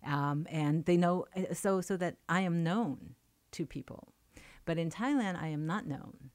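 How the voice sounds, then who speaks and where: In a radio studio with no room sound, a female poet and professor from China gives interview answers in her unhurried, lowish, slightly dark voice. Chinese is her native language. She comes across as thoughtful, often pausing on fillers and restarting sentences.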